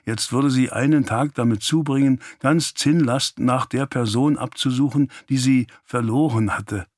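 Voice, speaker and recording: A man narrating an audiobook in a calm, even storytelling manner. His voice sits at a middle pitch, recorded close and completely dry. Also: a little slow, no room sound. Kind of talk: scripted narration.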